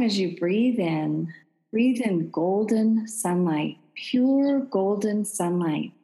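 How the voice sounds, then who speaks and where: Woman, podcast host, guided meditation, calm soothing meditative tone. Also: mid-range voice, big-room sound, low-quality recording.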